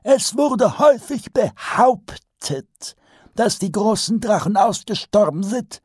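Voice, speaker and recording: A pompous old archchancellor wizard. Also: male voice, high-pitched, expressive, darkish tone, slightly rough, dry recording, clean studio sound, voice pushed up, full character voice. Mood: lecturing. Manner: slow, drawn-out, cheerfully lecturing.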